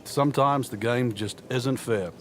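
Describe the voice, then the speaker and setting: A man's voice: medium pitch, a little slow, fairly bright tone, a little hiss or hum, close to an everyday voice. A man playing a folksy, knowing golf commentator, explaining things conversationally for a video game broadcast. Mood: conversational, wry.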